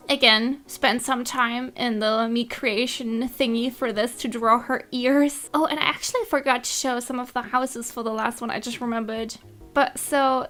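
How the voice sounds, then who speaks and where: Young woman gaming vlogger, high voice, giggly and excitable, casual commentary. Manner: bubbly and excitable, giggles often. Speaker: gaming YouTuber.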